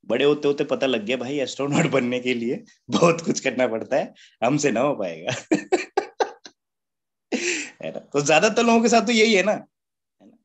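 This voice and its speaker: A man's voice: mid-range voice, expressive, normal speed. A man giving a motivational seminar talk at a business meeting, chatty and joking, who keeps asking rhetorical questions. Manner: rhetorical questions with a constant "है ना?" tag; chatty, joking, laughs at his own points.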